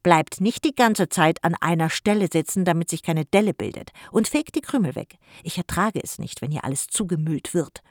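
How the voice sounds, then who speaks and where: An audiobook reader voicing a grumpy, fussy middle-aged uncle who loudly scolds the children. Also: medium pitch, lively intonation, moderate pace, few pauses, no echo, studio quality, close to an everyday voice. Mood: scolding. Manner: scolding, bossy, loud.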